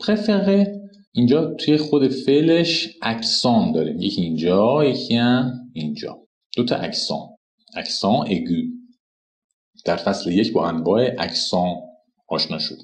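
A man's voice: medium pitch, lively intonation. Man teaching in an echoey room. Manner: explanatory, spells out conjugations slowly. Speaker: French teacher. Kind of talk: recorded lesson at a whiteboard.

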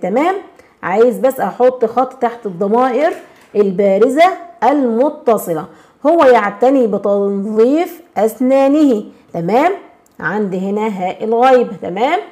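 A woman with an Egyptian accent teaching a grammar lesson, constantly checking in with questions and slowing down to stress example words. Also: on the high side, a little mellow. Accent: Egyptian Arabic. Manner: slows and stresses words when reading examples.

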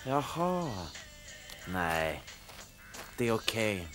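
An actor playing the new radio host in town, who talks in a dry, wry, slightly awkward way. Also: male voice, fairly high pitch, big pitch swings, faint music behind. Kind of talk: film drama acting.

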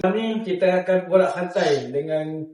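A man's voice: high voice, fairly even intonation, normal speed, a little mellow. A man with a Malaysian Malay accent who asks questions in a casual interview, informal and giggly. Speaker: interviewer from a scout group. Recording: echoey room, distant mic, crowd behind.

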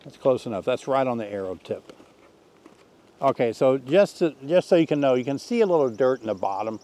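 A man's voice: medium pitch, brisk. Older man demonstrating beekeeping outdoors. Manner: relaxed, folksy, thinks aloud while working. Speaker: beekeeping teacher. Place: outdoors in an orchard beside beehives.

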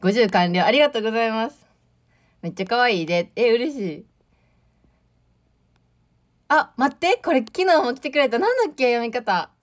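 With a higher voice and lively intonation, this late-teen livestreamer from Tokushima reads viewer comments for her idol audition stream at a normal pace, pausing often. She's bubbly and laughing, speaking Kansai Japanese with some Awa dialect.

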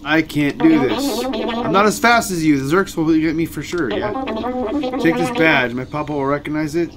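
A man's voice: a little high, moderate pace, natural voice. A man reading as a frightened little robot. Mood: fearful. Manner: plain reading of on-screen dialogue. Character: small frightened robot handing over a badge. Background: game music.

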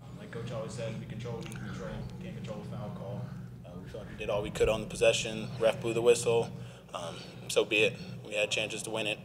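A young male basketball player answers after a game at a press table with a table mic. He speaks calmly and steadily in a fairly low voice, and a clear hiss sits behind him. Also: fast. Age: young adult. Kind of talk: postgame press conference. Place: press room in front of a sponsor backdrop.

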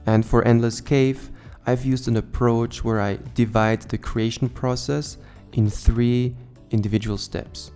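A man narrating a screen-recorded coding tutorial, calmly and methodically walking through code step by step. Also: mid-range voice, a little slow, clear, resonant tone, faint music behind. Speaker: game development tutor.

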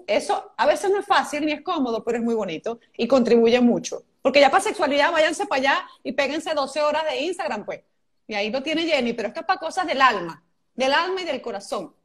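Chatty, blunt high-voiced woman host. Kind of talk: casual live-stream interview.

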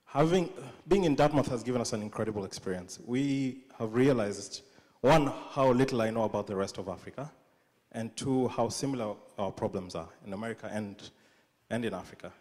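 A man's voice: mid-range voice, a little fast, a little mellow. Kenyan man speaking in a reverberant hall. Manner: humorous, self-deprecating, with frequent restarts. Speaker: conference speaker. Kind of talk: live conference talk. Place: large dark auditorium stage. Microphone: handheld mic.

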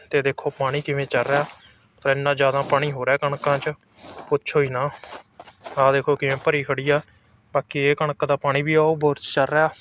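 A man's voice: mid-range voice, fairly bright tone, muffled recording. A man with a Punjabi accent talking casually to viewers in an outdoor farm vlog, repeating himself as he explains. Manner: repetitive, addresses viewers as brothers. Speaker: farmer vlogger. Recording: outdoor recording with clear background noise.

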